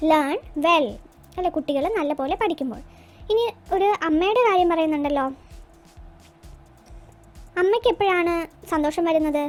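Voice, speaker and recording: A woman teacher explaining a textbook lesson, asking and answering her own questions and translating English lines as she goes. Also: high voice.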